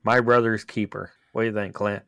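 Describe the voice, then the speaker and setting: A man with a fairly low voice steers a casual podcast chat and teases his co-hosts. His sound is dry and close. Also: level tone, fairly quick, pushed and bright, smooth, dry recording. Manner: teasing, steers the talk. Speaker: podcast co-host.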